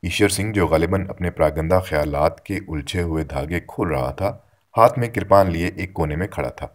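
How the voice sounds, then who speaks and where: Male narrator, very deep voice, steady measured reading of a literary story.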